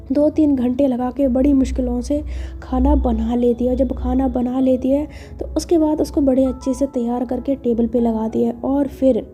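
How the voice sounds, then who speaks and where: A woman's voice: high voice, dark tone. A woman telling a romance story in a chatty, casual way, full of fillers.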